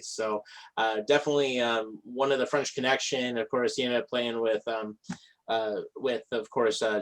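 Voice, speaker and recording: A man hosting a casual live sports podcast, talking in a relaxed way with plenty of fillers and reading out stats in a steady run. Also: medium pitch, poor audio. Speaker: podcast host.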